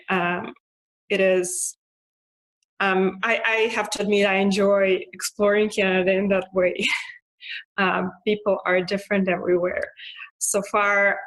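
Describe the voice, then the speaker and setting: A woman from Moscow with a Russian accent and a mid-range voice gives a casual personal monologue as an interviewee. She sounds hesitant and flat, with many fillers and restarts and an occasional soft laugh, on a low-quality recording.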